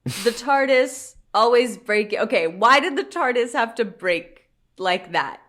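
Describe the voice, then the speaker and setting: A woman's voice: a little high, lively intonation, unhurried, a bit bright. Laughing woman podcast co-host. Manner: rambling, laughs often. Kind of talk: casual chat.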